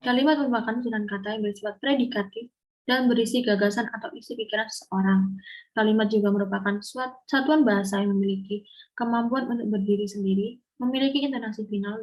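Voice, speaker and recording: A woman's voice: mid-range voice, fairly even intonation, brisk, a little mellow, poor audio. A young woman presenting a lesson, reading carefully and often catching and restarting her words. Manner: careful, with frequent self-corrections and restarts. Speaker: student presenter explaining syntax. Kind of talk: read-aloud lesson.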